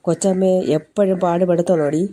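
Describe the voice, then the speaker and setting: A man's voice: high-pitched, level tone, fairly quick, warm tone, a little hiss or hum, pitched above the performer's own voice, close to an everyday voice. A man putting on a scolding old village mother. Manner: scolding, blunt. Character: sharp-tongued older village mother.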